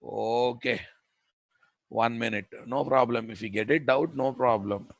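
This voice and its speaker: A man's voice: medium pitch, a little slow, creaky, no echo. A man with a Telugu Indian accent teaching a live programming class as the instructor, repeating his phrases and checking that students follow. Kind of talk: live technical lesson.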